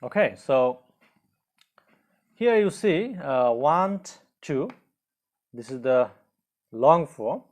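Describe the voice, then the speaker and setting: Slow, hesitant male teacher. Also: mid-range voice, big pitch swings, a little mellow. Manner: hesitant, many fillers, repeats example sentences. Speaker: English teacher. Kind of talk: slow spoken grammar lesson.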